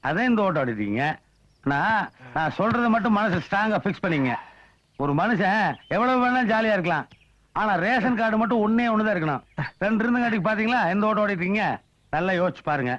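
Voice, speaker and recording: An actor playing a fast-talking, scheming male comic fixer in a film comedy scene, with cheeky, wheedling banter. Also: sits high, expressive, a bit bright, muffled recording. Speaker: comic sidekick. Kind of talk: Tamil film comedy acting.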